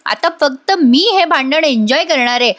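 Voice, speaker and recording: Woman reading as a smug, confident plotting aunt, high voice, soap recap. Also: animated, normal speed, a bit bright. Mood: gloating. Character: scheming, gloating middle-aged aunt.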